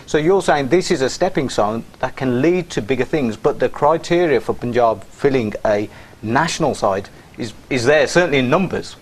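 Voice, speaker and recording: A man's voice: medium pitch, lively intonation, moderate pace, a little hiss or hum. A man conducting a casual interview, chatty and agreeable. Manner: chatty, agreeable, many short affirmations.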